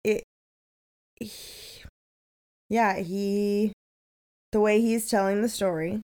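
A woman co-hosting a podcast who retells film scenes in a lively, chatty way, with lots of "like" and quick "yeah"s. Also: medium pitch. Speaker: podcast co-host. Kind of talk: casual film discussion.

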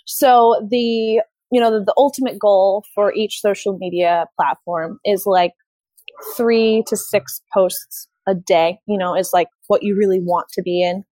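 A woman's voice: mid-range voice, fairly even intonation, measured pace, mellow, no room sound, low-quality recording. A woman social media consultant giving advice in a podcast interview, explaining in a casual way with fillers like "you know" and "like". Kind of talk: conversational interview.

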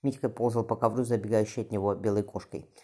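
A woman reads a historical novel aloud at a quick pace. Her voice is very low and mellow, and the delivery is plain, with occasional restarts. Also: steady tone, breathy edge. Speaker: audiobook reader.

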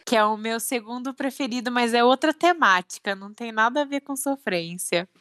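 A woman's voice: a little high, a little fast, a bit bright, clean tone, no echo, studio quality. A young woman co-hosting a podcast, chatting casually, laughing often and using slang. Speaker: podcast co-host. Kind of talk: casual chat.

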